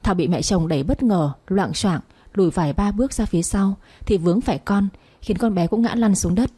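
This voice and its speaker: Husky woman reading a story. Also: medium pitch, brisk, dark tone. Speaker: narrator.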